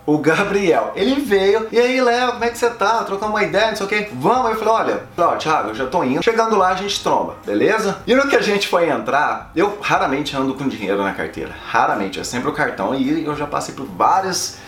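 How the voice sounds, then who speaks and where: A young Brazilian man with a Brazilian Portuguese accent tells a story in a casual, animated way, acting out each line of dialogue. His voice sits fairly high for a man and jumps all over in pitch as he talks fast. The sound is roomy and echoey.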